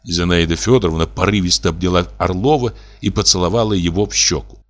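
A man narrating classic prose in an audiobook, in a calm, even manner. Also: low voice, fast.

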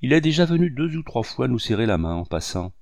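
A man's voice: mid-range voice, big pitch swings, fast talker, vocal fry, darkish tone, dry recording, studio quality, voice pushed up. A man reading aloud and voicing a polite, welcoming middle-aged male painter. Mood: matter-of-fact.

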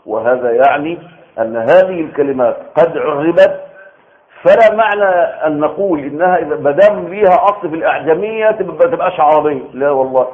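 Egyptian-accented male preacher, slightly high voice, lively call-and-answer lecturing, phone-quality sound. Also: fast talker. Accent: Egyptian Arabic. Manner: animated, asks the audience rhetorical questions and answers himself. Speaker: preacher giving Quran commentary. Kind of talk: colloquial religious lecture.

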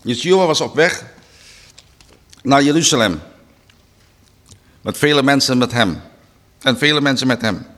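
A man giving a preaching Bible study talk, reading slowly and deliberately with emphatic restarts. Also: medium pitch, expressive, a bit bright. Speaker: Bible teacher.

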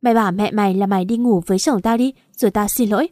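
A woman's voice: medium pitch, racing, mellow, dry recording, studio quality, natural voice. A woman reading a furious, foul-mouthed jealous wife. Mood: abusive. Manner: abusive, insulting.

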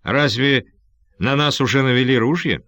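A man's voice: mid-range voice, moderate pace, bright, forceful tone, dry recording, studio quality, voice pushed up, close to an everyday voice. A man voicing an easygoing, joking Portuguese adventurer in an audiobook, raised above his reading voice. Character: wry, unflappable Portuguese adventurer, adult man.

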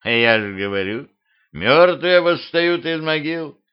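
A man voicing an old village cart driver who groans and grumbles in a drawn-out way, in a self-made audiobook. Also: fairly high pitch, animated, clear, resonant tone, pitched above the performer's own voice. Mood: grumbling. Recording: dull lo-fi home recording.

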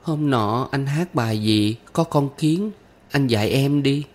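A man's voice: mid-range voice, a little slow, darkish tone, pitched above the performer's own voice, natural voice. A man voicing a pleading, sulky little girl with a Southern Vietnamese accent in an audiobook. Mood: coaxing. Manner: coaxing, whiny pleading. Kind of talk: audiobook character voice.

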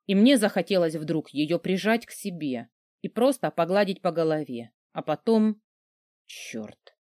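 A man narrating a novel in first person, sardonic and gruff. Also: sits high, animated, moderate pace, darkish tone, no echo, clean studio sound. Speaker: audiobook narrator.

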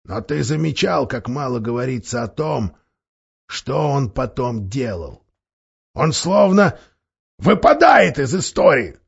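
A man voicing a bitter, scheming male dwarf who sneers and breaks into shrill shouts, in an audiobook. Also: very animated, takes it slowly, vocal fry, slightly rough, muffled recording, full character voice. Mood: sneering.

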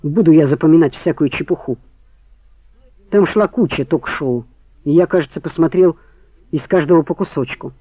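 A man's voice: fairly high pitch, normal speed, pauses often, no room sound, lightly acted. A man reading as a snappish, defensive suspect. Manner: irritable, snapping. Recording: tinny phone-like band, dry.

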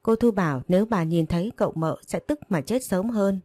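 A woman's voice: medium pitch, a little fast, warm tone, no room sound, natural voice. Woman voicing a brash young servant girl. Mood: insolent.

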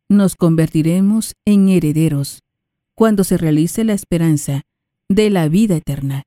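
A woman reading scripture and a psalm aloud in a slow, solemn liturgical recitation. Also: on the low side, warm tone, dry recording, clean studio sound. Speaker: scripture reader.

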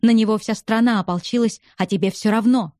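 A woman reading the part of an angry young man who presses and accuses, in a dark, mellow voice. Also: fairly high pitch, a little fast, dry recording, clean studio sound, natural voice. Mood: angry pressing.

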